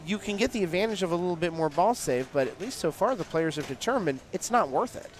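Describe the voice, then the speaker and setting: A man's voice: high-pitched, animated, quick pace, faint music behind. A man calling a live tournament as play-by-play commentator, explaining at length with frequent fillers. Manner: analytical, long explanatory runs with fillers.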